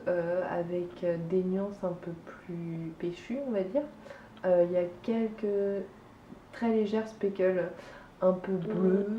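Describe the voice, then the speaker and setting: A woman's voice: lowish voice, slight background noise. A woman with a French accent chatting casually about her knitting and hand-spun yarn, with lots of hesitations and restarts. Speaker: knitting vlogger. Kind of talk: casual chat. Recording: dull, echoey room from far off.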